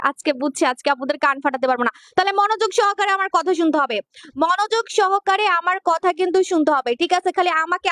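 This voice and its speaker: High-pitched, chatty woman selling skincare live. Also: a bit bright, no echo. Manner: playful, teasing, chatty, addresses viewers directly. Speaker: online skincare shop owner selling on a livestream. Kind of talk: casual livestream sales talk. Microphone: clip-on mic.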